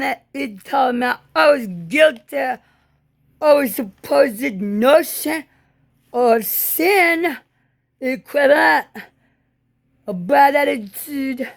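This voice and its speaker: A woman giving a rambling spoken monologue in disjointed, halting, drifting phrases. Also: fairly high pitch, vocal fry, no echo, studio quality.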